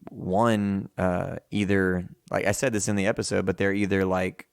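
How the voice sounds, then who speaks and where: A man co-hosting a podcast in loose, rambling chat, with a low voice that turns gravelly at the ends of phrases. He swears freely and stops to restart his sentences. The sound is close and dry, with no room around it. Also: little pitch movement, moderate pace, no room sound. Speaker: podcast co-host.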